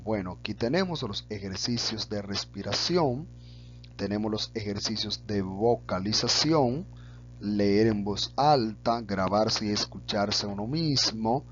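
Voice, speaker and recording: Guy teaching voice lessons real slow, drawing out each example word, dull lo-fi sound with a faint hum. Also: fairly low pitch. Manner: slow and deliberate, stretches out sample words. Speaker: public speaking instructor. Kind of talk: slow deliberate lesson on vocal technique.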